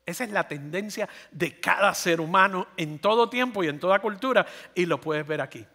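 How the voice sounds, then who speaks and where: A man in his fifties preaching a sermon as pastor, animated and putting rhetorical questions to his listeners. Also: high voice, moderate pace. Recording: long hall reverb.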